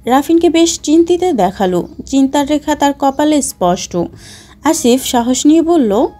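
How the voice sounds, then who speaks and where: A woman narrating an audio story in a steady storytelling manner. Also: high-pitched, moderate pace, faint music behind.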